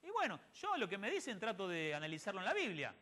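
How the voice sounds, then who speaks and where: Brief: male church speaker, bright, animated delivery, rhetorical questions. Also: high voice, fast talker. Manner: asks the audience rhetorical questions and answers them; quotes others in conversation. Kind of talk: sermon-style Bible teaching to a congregation.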